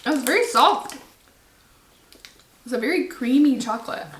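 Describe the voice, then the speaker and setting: A woman's voice: high voice, animated, moderate pace, reverberant, a little hiss or hum. A woman hosting a snack taste test in casual chat, bubbly and enthusiastic. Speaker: host.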